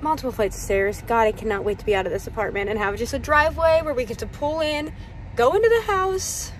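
Her voice sits a little high, and this young vlogger in her twenties talks fast, casual and upbeat, full of "like" and "literally." The clip comes from a phone camera held at arm's length in a large indoor warehouse store, with slight background noise.

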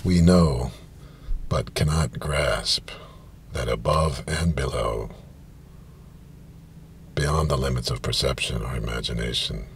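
Reading science fiction prose slowly in a literary style, a man with a very deep, gravelly voice sits in a parked car. The cramped interior carries a steady background hum.

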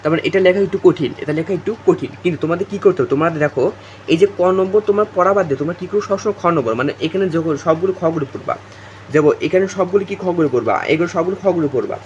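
Talking straight to his students, a young man from Bangladesh runs a casual exam-prep session full of repetition and filler words. He sounds fairly high-pitched, animated, very fast, and a little mellow, on a lo-fi recording with a bit of hiss or hum.

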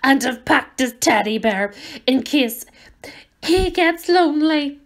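A woman reading aloud and voicing a big, soft-hearted gamekeeper who talks gruffly but tenderly about his pet. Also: mid-range voice, lively intonation, measured pace, full character voice. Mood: tearful.

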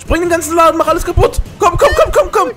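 A young man hosting a gaming video, excitable and slangy, often shouting and laughing while playing a comedic role-play. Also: very high voice, fast, over music.

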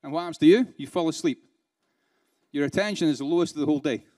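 A man's voice: a little high, fast, mellow. Playful man quizzing a conference audience. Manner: interactive, quizzes the audience with rhetorical questions; laughs between points, playful. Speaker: keynote speaker. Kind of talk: conference keynote speech. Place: conference hall with a live audience.

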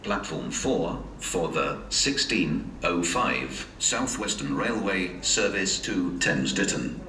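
A man making measured train announcements, heard over a station public address loudspeaker on a railway platform. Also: low voice, far from the mic. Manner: measured, even announcing delivery. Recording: echoey loudspeaker heard from afar, noisy.

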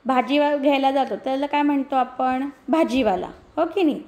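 A woman's voice: sits high, normal speed, darkish tone. A woman primary school teacher reading a textbook story aloud to her class. She asks questions, repeats the answers and gives step-by-step page instructions.

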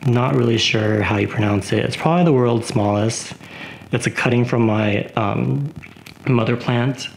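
Relaxed and unhurried, a man shows off the houseplants in his home for his plant vlog, rambling casually and using plenty of fillers. His medium-pitched voice is gravelly, and the rough recording has slight background noise.

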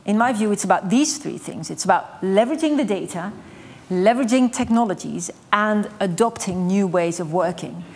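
A woman's voice: mid-range voice, moderate pace. A middle-aged woman delivering a conference keynote on a studio stage, explaining with energy and the odd "um". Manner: energetic, gesturing, explanatory with light fillers. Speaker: keynote speaker. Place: stage in a dark studio with large screens.

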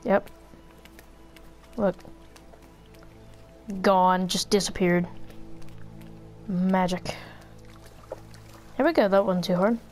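A woman casually chatting while she plays a video game, playful and excitable, thinking out loud. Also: mid-range voice, very slow, long pauses, soft background music. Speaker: gameplay player. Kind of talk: casual let's play chat.

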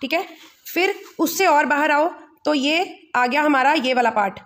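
A woman with an Indian accent teaching a lesson, reading English lines slowly and then explaining them again in Hindi. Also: sits high, lively intonation, a bit bright.

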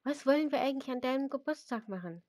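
An eager, caring teenage girl, as a woman reading a story puts her on pleads and pushes with bright excitement. She sits a little above the reader's own pitch. The read-aloud sound is dry and close. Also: quick pace, dry recording.

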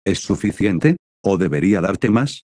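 A man voicing a doting young male ninja husband and father in a read-aloud fan story, speaking calmly and affectionately. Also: sits low, unhurried, no room sound, studio quality, heavily acted.

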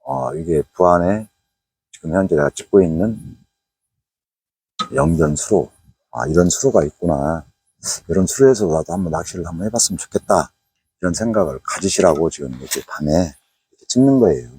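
At night beside a waterway, a fishing YouTuber narrates his vlog in a rambling, chatty Jeolla Korean dialect, sprinkling in frequent "eo" fillers; he's from Jeolla province. His very deep voice is warm and slightly rough, animated at a normal speed.

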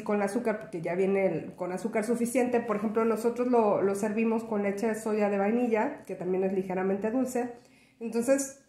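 A woman's voice: mid-range voice, warm tone, reverberant. A woman chatting casually in a product review vlog, friendly and full of fillers. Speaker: vlogger reviewing a cereal.

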